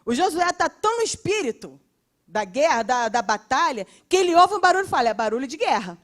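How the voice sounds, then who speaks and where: A woman with a Brazilian Portuguese accent teaching a Bible class in a lively, expressive way, acting out quotes and laughing often. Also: sits high, a little fast. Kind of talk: animated Bible class lesson.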